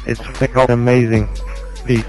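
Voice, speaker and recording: A man leaves a brash, hyped voicemail for a gaming podcast. His voice sits at an ordinary middle pitch. Faint music plays under the message. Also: flat delivery, moderate pace, darkish tone, rough recording. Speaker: caller leaving a voicemail.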